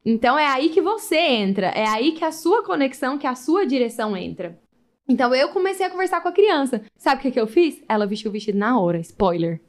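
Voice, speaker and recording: A woman's voice: high voice, fairly quick. A young adult woman, a family photographer, chatting casually in a live session and acting out the lines of the people in her stories. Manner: lively storyteller, acts out dialogue.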